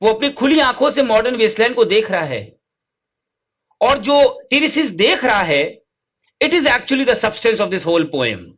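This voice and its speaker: A man teaching literature, stepping slowly through English points and then explaining them quickly in Hindi, often asking questions and answering them himself. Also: very high voice, sing-song, fairly bright tone. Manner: slow, deliberate English lines and rapid Hindi explanations. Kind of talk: lecture mixing Hindi and English. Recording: dull lo-fi recording.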